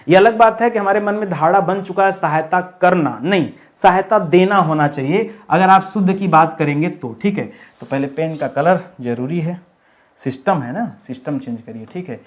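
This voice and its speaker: Young man, high voice, hindi teacher, quizzes the class and answers himself, says words slowly and firmly. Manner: drills words by asking questions and answering them himself. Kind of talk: exam-prep grammar lesson.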